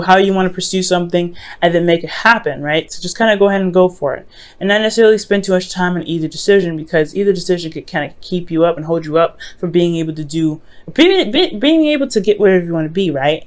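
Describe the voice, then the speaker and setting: A woman giving a mystical tarot horoscope reading in a casual, conversational way, advising listeners directly and often circling back to rephrase herself. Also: on the low side. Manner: hesitant, often repeats and rephrases phrases. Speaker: tarot reader.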